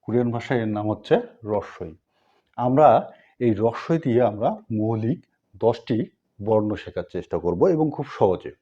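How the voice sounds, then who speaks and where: A male teacher walks viewers through a lesson at an unhurried, patient pace, pausing between each sound he drills. His voice is mellow and darker in tone. The recording is a bit dull and lo-fi. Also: fairly low pitch, lively intonation. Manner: slow, repetitive drilling with pauses; patient, addresses viewers directly. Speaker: language teacher. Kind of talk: step-by-step language lesson.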